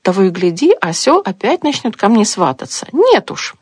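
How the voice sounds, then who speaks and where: A woman's voice: medium pitch, very animated, moderate pace, husky, dry recording, studio quality. A woman voicing a vain, scheming female fox in a storybook tale, boastful at first and later shrieking for help. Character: vain scheming female fox who dreams of being queen.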